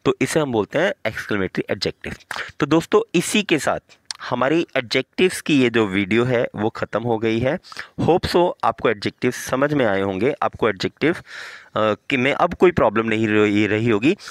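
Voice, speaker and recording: A man's voice: mid-range voice, fairly bright tone, no room sound. A man explaining grammar in Hindi, calling listeners "beta" and posing questions he then answers on words. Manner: asks rhetorical questions then answers them. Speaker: English grammar teacher. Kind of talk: Hindi-language grammar lesson.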